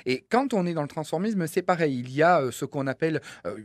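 A man's voice: on the high side, expressive, fast talker, no room sound. A man guesting on a radio interview over a studio mic, a cabaret singer explaining his art earnestly with many hesitations. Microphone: studio microphone.

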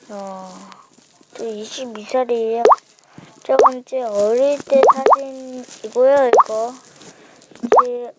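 A woman chatting playfully while commenting on a mobile game she is playing. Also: fairly high pitch. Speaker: gamer. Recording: noisy phone recording.

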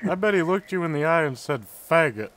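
A young man hosting a gaming video, chatting crudely and excitedly while he plays, with game music behind him. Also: a little high, quick pace. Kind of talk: casual gaming chat.

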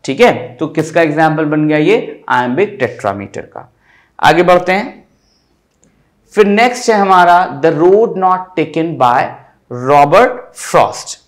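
Slow, higher-voiced man teaching verse. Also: very animated. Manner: explains step by step with rhetorical questions; reads verse slowly, syllable by syllable. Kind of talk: exam-prep lecture.

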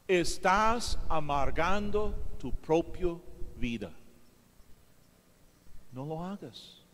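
A man preaching a sermon as pastor, emphatic, swinging from loud to hushed. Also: on the high side, lively intonation, very slow, long reverb tail, a little hiss or hum. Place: church hall.

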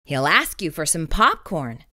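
A middle-aged woman reading aloud to young children in an expressive storytime voice, as a children's host. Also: deep voice, a little slow, dry recording, studio quality.

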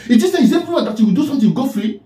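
High-voiced Nigerian man scolding preachily. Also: lively intonation, racing, warm tone, reverberant, low-quality recording. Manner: preachy and scolding, repeats the name he addresses. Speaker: online commentator. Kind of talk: scolding commentary monologue.

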